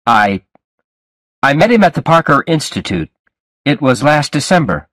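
A man's voice: fairly high pitch, big pitch swings, normal speed, a bit bright, no room sound, studio quality, voice pushed up. A man reading a tense, guilty young groom.

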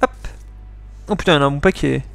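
A man's voice: on the high side, racing, creaky, fairly bright tone, smooth, no echo, soft background music. A man reading game text aloud and chatting casually over his playthrough, swearing at his slip-ups. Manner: chatty, swears when he slips up. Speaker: let's play host.

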